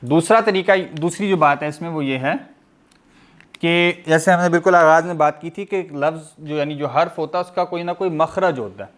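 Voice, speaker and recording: Man, patient teacher, fairly high voice, drawn-out demonstration sounds, frequent check-ins. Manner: patient, explanatory, checks in with "theek hai". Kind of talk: recorded Arabic pronunciation lesson.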